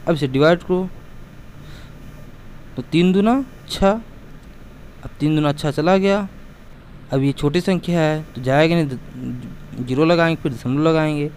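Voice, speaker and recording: Math teacher guy, slightly high voice, goes over steps again and again, bit of street noise. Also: measured pace, pauses often, a little mellow. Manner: patient, repetitive, addresses students as beta. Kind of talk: explaining math lesson to students.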